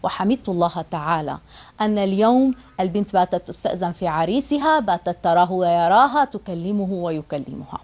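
A woman's voice: lowish voice, expressive, fairly quick, a little mellow. A woman teaching a religious lesson. She explains in an earnest way and often restarts a phrase.

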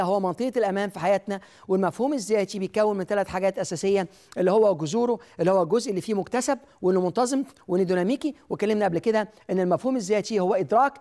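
A man's voice: high-pitched, darkish tone. A man with an Egyptian Arabic accent hosting a self-help TV show, giving an emphatic motivational talk straight to the viewer.

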